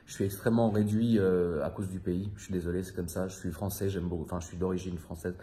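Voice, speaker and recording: A fast-talking man from France in his thirties vlogs to camera, his low, mellow voice showing little pitch movement. The monologue is casual and confiding, rambling with slang, casual swearing, and many fillers and repeats.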